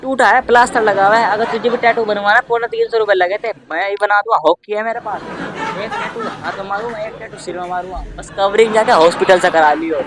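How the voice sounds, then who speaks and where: A man doing stand-up comedy, telling a story in animated, mock-threatening rants. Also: high-pitched, fast talker, a crowd in the background.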